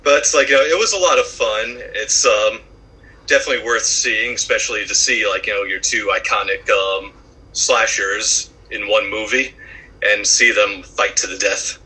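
A man's voice: lowish voice, moderate pace, pushed and bright, husky, rough recording. A man co-hosting a casual podcast chat, talking in a rambling, hesitant way. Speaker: podcast co-host.

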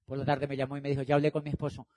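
A man's voice: medium pitch, monotone, racing, mellow. A middle-aged man speaking to an audience as a motivational speaker. He acts out the dialogue and hammers his points home with emphatic repetition. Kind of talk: animated storytelling talk.

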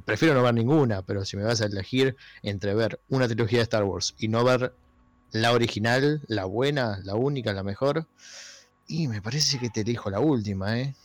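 A young man with an Argentine accent in a casual debate, teasing and contrarian with drawn-out emphasis. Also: medium pitch, no echo. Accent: Argentine Spanish. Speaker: panelist.

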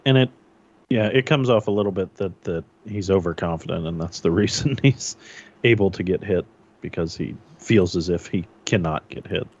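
A man's voice: low-pitched, moderate pace, a little mellow, lo-fi sound. A man chatting casually about a movie with a co-host, hesitant and let down in his delivery. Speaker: podcast co-host. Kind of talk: casual movie review chat.

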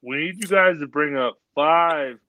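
A man's voice: a little high, unhurried, sharp tone, dry recording. A man co-hosting a casual podcast, talking emphatically and repeating himself to drive his points home. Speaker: podcast co-host. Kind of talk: casual chat. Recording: dull, dry lo-fi sound.

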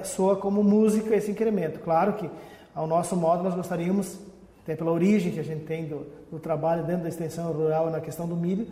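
A man giving an explanatory interview answer as a technical expert, in a halting way with repeated words. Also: sits high, mellow. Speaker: technical director of an agricultural extension agency, interview guest. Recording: echoey room with long reverb.

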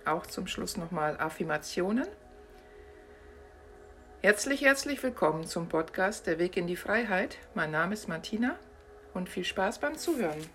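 A woman hosting her podcast, reading short questions aloud from her own book in a calm, measured way. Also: fairly low pitch, faint music behind. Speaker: podcast host.

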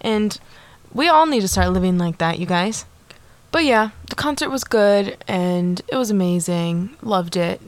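On her solo podcast, a young woman chats in a bubbly way, saying "like" a lot and addressing listeners in asides. She sounds animated at a medium pitch, takes her time, and the recording is dry.

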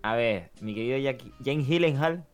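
Sarcastic co-host, mid-pitched voice. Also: male voice, expressive, moderate pace, clean tone. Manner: sarcastic, teasing, stumbling over words. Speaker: podcast co-host. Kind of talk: casual live-stream chat. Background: faint background music.

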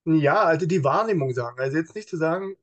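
A police officer as an interview guest in casual talk, explaining with everyday examples and acting out what people say in other voices. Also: male voice, fairly high pitch, fast. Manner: lively, acts out quoted speech in other voices.

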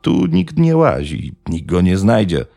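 Man voicing an uneasy village schemer, slow, muttering, gravelly. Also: sits low, very animated, mellow, no echo, studio quality, faint music behind, pitched above the performer's own voice, full character voice.

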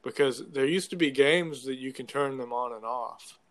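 A man's voice: mid-range voice, normal speed. A young man in casual conversation, talking like a frat bro with loose slang and plenty of swearing. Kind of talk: casual chat about video games.

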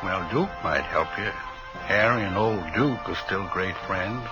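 In a 1950s radio drama with music playing behind, an actor with a deep, slightly slow voice plays a folksy, pious reformed drug peddler in his fifties. He comes across as rambling, easily distracted and obliging, and the recording sounds old.

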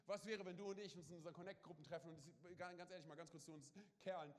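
A man preaching with a slightly high voice, full of energy and quick asides to the congregation. His voice rings out through a church hall with a long reverb trailing off every phrase. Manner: lively, punctuates with "hey", "come on" and "oder?"; acts out little quoted scenes. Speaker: pastor. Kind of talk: sermon. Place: church service.

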